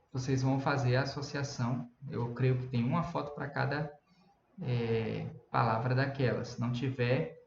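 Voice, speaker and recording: In a recorded online lesson, a Brazilian man with a medium-pitched, gravelly, slightly mellow voice teaches English chattily, explaining in Portuguese while slipping in English words. The lo-fi recording sounds roomy and has a faint hum.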